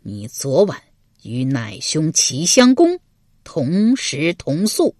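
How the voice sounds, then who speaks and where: A suspicious, jealous lord of middle age, as a woman narrator puts him on, his voice pushed low and kept quiet. He speaks coldly and slowly, sneering, recorded close and dry. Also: very animated, no room sound, exaggerated voice. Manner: cold and sneering, slow and deliberate. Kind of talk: Chinese historical novel reading.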